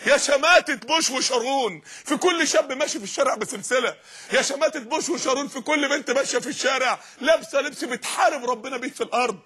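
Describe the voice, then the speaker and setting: A man with an Egyptian Arabic accent preaching an impassioned sermon, often shouting. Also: very high voice, fast talker, slightly rough.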